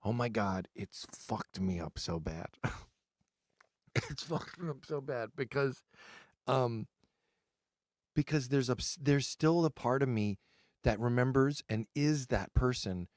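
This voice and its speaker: A man in his forties, chatting loosely on a live stream, rambling with halting restarts and self-deprecating asides. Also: medium pitch, animated, darkish tone, dry recording, clean studio sound. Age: 40s. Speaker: streamer host. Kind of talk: casual live-stream chat.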